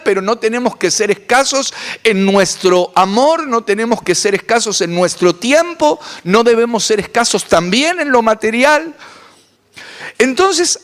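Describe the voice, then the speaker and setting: A man preaches in a high, animated voice that rises and falls widely. His sermon rings with a long reverb from a church hall. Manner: animated preaching with dramatic pitch swings. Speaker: pastor.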